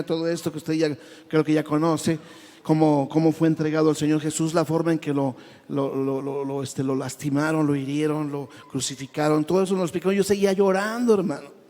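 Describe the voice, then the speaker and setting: His voice a little mellow and on the high side for a man, he recounts his conversion to the congregation with deep feeling. Words repeat as he stumbles, he addresses everyone as brother, and each phrase trails off into the long reverb of a large hall.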